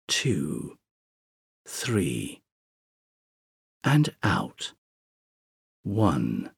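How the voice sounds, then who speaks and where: A man slowly guiding a sleep meditation, counting breaths in a soothing, drawn-out way with long pauses. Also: low-pitched, creaky, a little mellow, husky, dry recording. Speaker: meditation guide.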